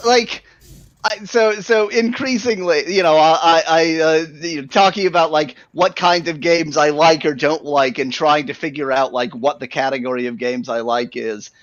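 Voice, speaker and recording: A man's voice: fairly high pitch, moderate pace, no echo. A man joining a stream as guest, chatting casually with wry, laughing remarks. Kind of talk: casual chat. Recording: dull, dry lo-fi line.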